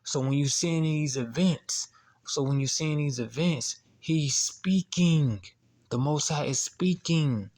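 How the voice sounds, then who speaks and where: Man, preacher, scripture teaching, gravelly voice, slow delivery, repetitive rhetorical questions. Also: fairly high pitch, darkish tone. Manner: halting, many restarts and fillers.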